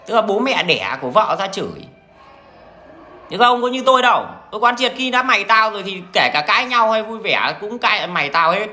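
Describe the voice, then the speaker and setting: A man's voice: sits high, big pitch swings, fairly quick, bright, forceful tone. A man with a Northern Vietnamese accent, talking to his viewers in a blunt, crude, rambling monologue full of restarts. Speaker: vlogger addressing viewers.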